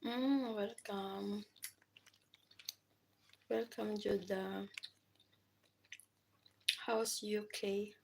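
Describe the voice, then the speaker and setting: A woman with a Filipino accent chatting casually on a livestream mukbang, chewing while talking in short, halting phrases between bites. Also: mid-range voice, steady tone, creaky, a little mellow, slight background noise. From Philippines. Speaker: livestream host.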